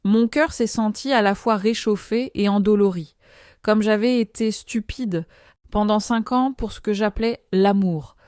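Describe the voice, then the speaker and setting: A woman narrating a dramatic first-person story in a measured way, with the occasional filler. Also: mid-range voice, a little mellow, clean tone, no echo, studio quality.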